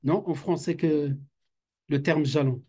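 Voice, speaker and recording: Lecturing students in a classroom, this Islamic institute teacher, a native Arabic speaker, talks in French with many fillers, restarted sentences and Arabic phrases mixed in. His voice sits a little high for a man, with a steady tone, a touch mellow and a breathy edge.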